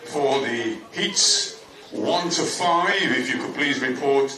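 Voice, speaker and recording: A man making measured, repeated track announcements over a PA system at an outdoor meet. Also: medium pitch. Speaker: stadium announcer. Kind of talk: public address announcements. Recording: echoey loudspeaker from far off.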